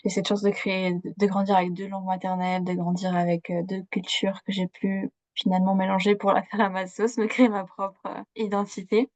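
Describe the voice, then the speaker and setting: Here the Swiss-born coach talks a little fast with few pauses, her mid-range voice flat in delivery and a touch mellow. As a podcast guest in a casual interview, she's chatty, laughs readily and fills her speech with fillers. No room sound is audible.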